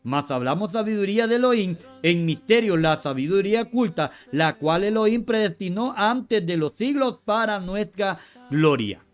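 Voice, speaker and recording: A man's voice: sits high, lively intonation, normal speed. A man teaching from scripture, going through word meanings in long lists, often repeating words and correcting himself. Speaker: Bible teacher.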